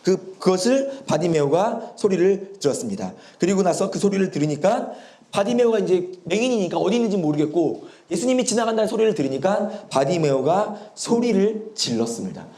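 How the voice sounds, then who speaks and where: A man's voice: high-pitched, very animated, brisk, dark tone. A male pastor preaching a sermon in a church, explaining and telling the story animatedly, with a sore throat. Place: church sanctuary. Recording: echoey church hall.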